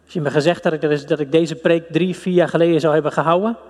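Male pastor, fervent intimate sermon, slightly high voice, long hall reverb. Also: steady tone, a little mellow. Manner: fervent, intimate preaching with pauses. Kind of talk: sermon and prayer.

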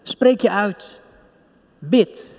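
Male pastor, fervent intimate sermon, slightly high voice, long hall reverb. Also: a little mellow. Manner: fervent, intimate preaching with pauses. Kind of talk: sermon and prayer.

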